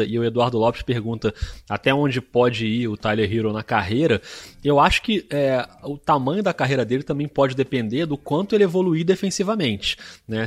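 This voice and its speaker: Give me a husky-voiced man hosting a laid-back basketball stream. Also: mid-range voice. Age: 30s. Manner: jokey, reads viewer comments aloud. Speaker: host of a basketball live stream. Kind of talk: casual sports commentary chat.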